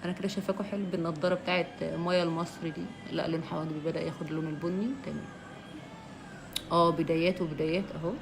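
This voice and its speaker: A woman's voice: low-pitched, little pitch movement, racing, vocal fry, background noise. Playful Egyptian woman live streaming. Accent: Egyptian Arabic. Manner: chatty, reads viewer names, teasing and playful. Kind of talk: casual live stream chat with viewers.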